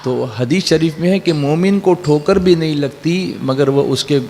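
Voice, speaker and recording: A middle-aged man with a high voice gives a religious lesson to children. He keeps asking them questions and drills the answers back. He is recorded in a reverberant hall with a faint hum underneath. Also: mellow. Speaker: Quran teacher.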